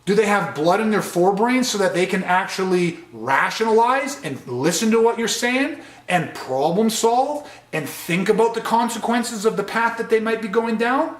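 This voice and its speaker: A man's voice: high-pitched, lively intonation, normal speed, few pauses, echoey room. A man teaching a de-escalation training session, speaking earnestly and stressing key points. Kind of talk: training lecture.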